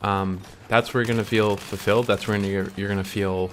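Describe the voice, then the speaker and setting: Slight background noise accompanies a young man with a lowish, brisk voice showing little pitch movement. Chewing candy, he talks casually to camera about following his dreams, earnest but rambling, with plenty of ums and restarts.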